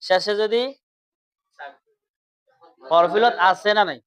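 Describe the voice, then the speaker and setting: High-voiced man teaching, quizzing students. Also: takes it slowly, a bit bright. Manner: repetitive, quizzing students with rhetorical questions. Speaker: teacher of Arabic grammar. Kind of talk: classroom lesson with questions to students.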